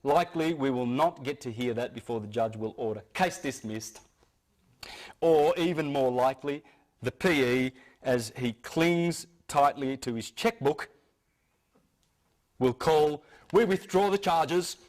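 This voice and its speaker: A man speaks to a live audience in an informal, insistent lecture. He often stumbles and doubles back on his words, then presses on. His voice sits at a middling pitch. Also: unhurried, darkish tone.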